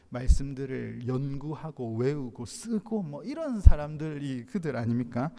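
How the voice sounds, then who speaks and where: A man's voice: mid-range voice, gravelly, warm tone. A man, a pastor, preaching a sermon in a conversational way, with fillers and light laughs, in a church sanctuary. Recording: long church hall reverb.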